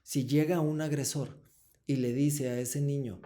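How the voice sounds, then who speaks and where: A man's voice: medium pitch, fairly even intonation, unhurried, dark tone. A man, founder of a foundation, explaining earnestly as an interview guest. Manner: explanatory, acts out short dialogues with children.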